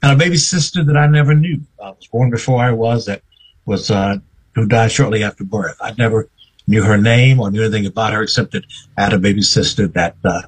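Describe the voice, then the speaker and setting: Older man, husky low voice, unhurried radio-guest storyteller. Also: steady tone, poor audio. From North Carolina, US. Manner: slow, reflective storytelling. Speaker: guest, veteran newsman. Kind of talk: radio interview.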